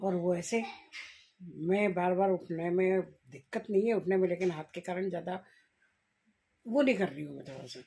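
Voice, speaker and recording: A woman's voice: on the low side, moderate pace, pauses often, warm tone. A woman vlogging at home in a casual chat, talking straight to her viewers and musing aloud. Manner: chatty, talks straight to viewers, muses aloud.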